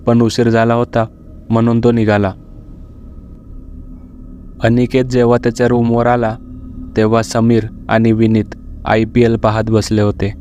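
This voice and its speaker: A man narrating a horror story in a steady, measured reading. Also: on the low side, a little hiss or hum.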